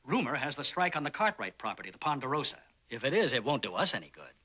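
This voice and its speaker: A man's voice: medium pitch, sing-song, fast talker, bright, forceful tone, slightly rough, full character voice. An actor playing a meek, deferential henchman reporting to his boss in a TV western. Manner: apologetic, deferential. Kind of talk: TV western drama acting.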